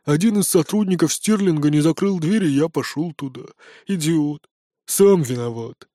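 A reader voicing a timid young man turned mushroom creature, speaking low, slow and sheepish. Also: dark tone, no echo, studio quality, lightly acted. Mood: sheepish, mumbling.

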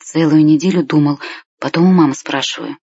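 A woman with a somewhat low, husky voice tells a story in the first person as a young boy. Her telling is calm and even, picking up when characters speak. The recording is dry, close and a little muffled. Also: a little fast, no room sound. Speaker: audiobook reader.

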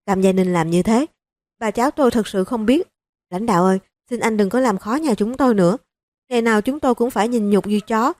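A woman's voice: moderate pace, a little mellow, no echo, clean studio sound, lightly acted. A woman voicing a grieving elderly mother-in-law who pleads and sobs through her words, in an audiobook reading. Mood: sobbing plea. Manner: sobbing, begging, high-pitched.

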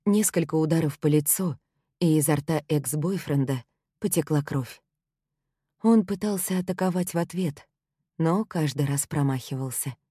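A woman narrating a first-person story in an even, storytelling delivery. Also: deep voice, moderate pace, husky, no room sound, studio quality.

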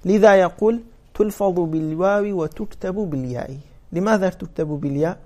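Male teacher, fairly high voice, patient classroom explainer. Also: a little fast, dark tone. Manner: explains step by step, checks understanding with questions. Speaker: teacher of Arabic morphology. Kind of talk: classroom lecture on grammar.

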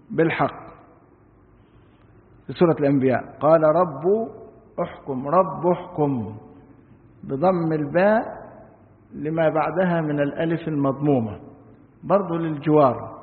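An Egyptian sheikh gives a religious lesson, reading classical lines and then explaining them casually with questions to his listeners. His voice is high. The sound is thin and phone-like, with a long hall echo behind it. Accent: Egyptian Arabic. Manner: reads classical passages, then explains in colloquial speech with rhetorical questions. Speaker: sheikh teaching Quran commentary.

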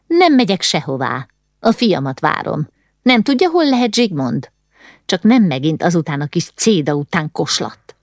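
Give me a woman voicing an indignant, gossiping noblewoman in a storybook, low-pitched. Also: very animated, no room sound, studio quality. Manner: indignant, dramatic scolding. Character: fretful gossiping noblewoman, middle-aged mother.

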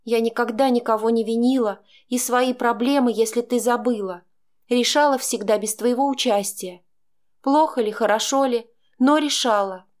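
A woman voicing a defiant young pregnant daughter who speaks in an agitated, sharp way. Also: a little high, moderate pace, lightly acted.

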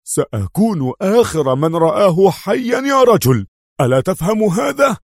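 A man's voice: mid-range voice, lively intonation, normal speed, darkish tone, dry recording, clean studio sound, lightly acted. A man voicing a nervous, greedy, corrupt police inspector who talks in an agitated, jittery way, in a storybook reading.

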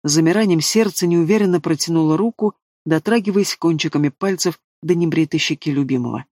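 Guy reading a fantasy audiobook, slightly high voice, very dry sound. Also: a little fast, darkish tone, dry recording. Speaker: audiobook reader. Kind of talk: scripted fantasy narration.

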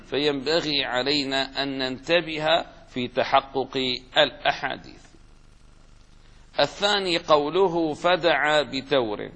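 A man teaches a classical religious lesson, reading a passage aloud a little louder and then working through it in careful explanation. His voice sits on the higher side for a man, and he often pauses on fillers or restarts a word before carrying on. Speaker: sheikh teaching a hadith commentary.

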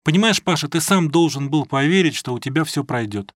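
A man reading an audiobook, voicing a gentle, sad young village woman who speaks softly and tenderly. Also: sits low, animated, fairly quick, dry recording. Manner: soft, tender, consoling.

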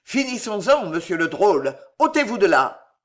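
A man's voice: sits high, sing-song, normal speed. A man voicing an arrogant, impatient young royal duke giving orders. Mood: imperious.

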